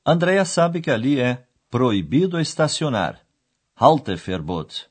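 A man presenting a scripted radio language lesson, explaining each step in a didactic way. His voice is fairly low and husky, with lively, wide-ranging intonation. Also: measured pace. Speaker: radio language course host. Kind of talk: scripted educational narration.

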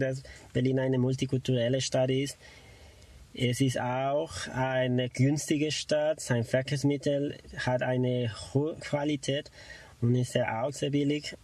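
A young man from Colombia who was raised in Mexico, whose first language is Spanish, introduces himself in a monologue as a learner of German. He chooses his words carefully, often searching for them and filling gaps with "naja." His voice is mid-range with a darkish tone.

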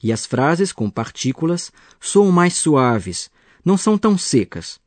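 Husky-voiced male teacher, lively intonation. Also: fairly high pitch, unhurried, no room sound. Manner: patient, explanatory. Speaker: language teacher. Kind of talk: scripted radio lesson.

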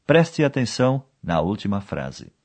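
A man with a lowish, lively voice narrates a language lesson. He sets up each scene and then says the target words slowly and clearly. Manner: explains each phrase, then quotes the foreign words. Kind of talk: scripted narration.

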